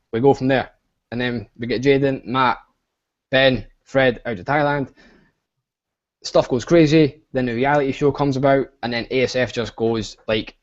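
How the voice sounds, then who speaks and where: A man's voice: mid-range voice, muffled recording. A young Scottish man hosting an online webinar, talking in a hyped, rambling way with lots of fillers. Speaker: webinar host. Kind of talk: casual online webinar pitch. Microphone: video call.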